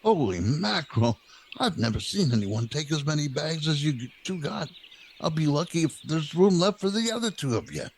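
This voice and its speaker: Man playing a gravelly, courteous driver. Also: fairly high pitch, big pitch swings, moderate pace, a little hiss or hum. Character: courteous working driver in a comedy. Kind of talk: comedic audio play acting.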